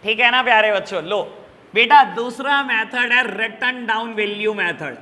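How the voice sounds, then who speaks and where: A man's voice: sits high, takes it slowly, sharp tone, in a large hall, slight background noise. A male accounts teacher giving a classroom lecture, affectionately addressing his students and often checking whether they have understood. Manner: affectionate, repeatedly calls students "beta"; asks "clear?" to check understanding.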